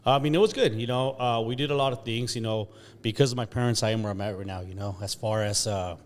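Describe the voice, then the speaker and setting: Man, 40s, from Mexico, low voice, laid-back guest. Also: quick pace. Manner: relaxed, laid-back, many you knows. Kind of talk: casual interview.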